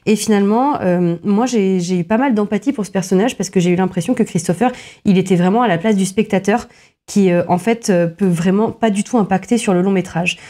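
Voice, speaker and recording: A woman in a film podcast, analysing a horror movie in casual chat, with frequent filler pauses and restarts. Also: medium pitch, warm tone. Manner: many filler pauses, restarts, self-deprecating asides.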